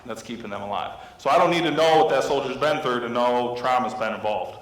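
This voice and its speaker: A man's voice: mid-range voice, quick pace. A man in his thirties, a school counselor, speaking to an audience of teachers, telling stories and asking the audience questions. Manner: storytelling, asks the audience questions. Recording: echoey hall with long reverb.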